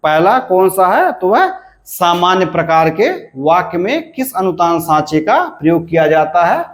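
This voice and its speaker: A man with a fairly high voice explains a grammar lesson at an unhurried, deliberate pace. He keeps asking his own questions and then answering them, repeating key points for his listeners. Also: big pitch swings. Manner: clears his throat now and then. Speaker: Hindi grammar teacher. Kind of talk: classroom-style lesson explanation.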